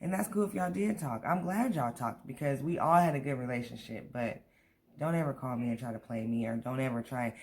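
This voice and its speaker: A man's voice: mid-range voice, fairly quick, darkish tone. An American man talking casually and at rambling length to viewers, venting in a storytime vlog. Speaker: vlogger. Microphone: camera on a tripod.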